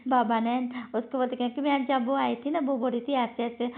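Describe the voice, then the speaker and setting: Brief: middle-aged woman giving a devotional testimony, high gravelly voice, emotional and repetitive, tinny phone-like sound. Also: level tone, brisk. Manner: emotional, repeats phrases, addresses listeners often.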